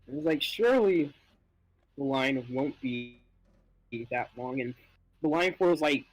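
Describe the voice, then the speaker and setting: A man's voice: mid-range voice, a little slow, poor audio. A young man with allergies chatting casually on a gaming stream, rambling and laughing often. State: stuffy from allergies. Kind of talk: casual chat while gaming.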